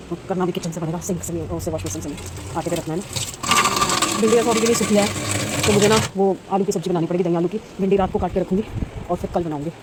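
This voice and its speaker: A middle-aged woman casually vlogging at home, chatting as she works through her chores and cooks in her kitchen. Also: fairly low pitch. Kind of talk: casual home vlog narration. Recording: frying sizzle and household noise behind.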